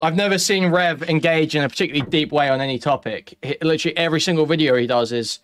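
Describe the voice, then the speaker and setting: A man's voice: fairly high pitch, fast, slight background noise. A man giving casual, opinionated commentary in a blunt, mocking, sweary way. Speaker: streamer commentator.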